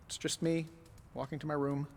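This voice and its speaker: An actor playing a wisecracking, nervously friendly superhero inventor in a game, with a glib, rambling, self-deprecating manner. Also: male voice, a little high, little pitch movement, a little fast, a little hiss or hum, close to an everyday voice. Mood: wry, friendly. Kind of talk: casual game dialogue.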